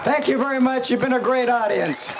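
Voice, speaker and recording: A man's voice: very high voice, brisk, crowd noise, background noise. A man performing as a sword swallower, projecting joking, showman-like patter to a live audience.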